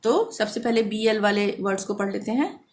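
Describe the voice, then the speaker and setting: A woman teaching a pronunciation lesson, patiently spelling out words letter by letter and repeating each one slowly. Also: mid-range voice, darkish tone. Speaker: language teacher.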